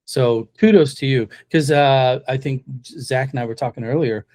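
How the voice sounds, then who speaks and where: A man's voice: medium pitch, moderate pace, a little mellow. A man hosting a podcast interview, jokey and chatty with many fillers. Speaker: podcast host. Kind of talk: casual interview conversation.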